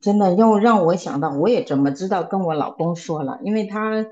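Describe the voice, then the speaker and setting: A woman sharing a personal testimony in a Bible study group, halting and often repeating and restarting her words. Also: lowish voice, dark tone, highs cut off. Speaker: church member sharing testimony.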